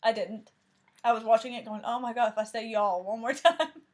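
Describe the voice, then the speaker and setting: A woman with a thick Southern Tennessee accent hosts a crafting vlog, chatting casually about cross-stitch projects. Her voice sits a little high and brisk, and she rambles a bit, full of fillers and self-corrections.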